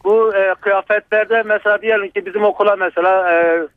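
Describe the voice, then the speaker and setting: A man's voice: high-pitched, steady tone, fairly quick, no room sound. A man calling in to a radio show over a landline phone, hesitant and full of fillers. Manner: hesitant, stacks up many fillers. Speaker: radio caller. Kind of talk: call-in chat. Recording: tinny phone line.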